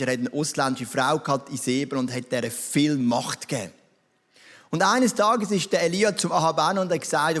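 Swiss preacher in an echoing hall. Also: male voice, a little high, fairly bright tone. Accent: Swiss German. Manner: storytelling, conversational, addresses listener directly. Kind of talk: sermon. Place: church hall. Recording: reverberant church hall.

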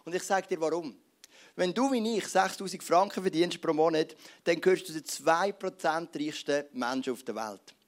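Man, Swiss German accent, preacher, chatty storytelling sermon, slightly high-pitched voice. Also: moderate pace. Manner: conversational, lively storytelling with rhetorical questions. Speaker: pastor.

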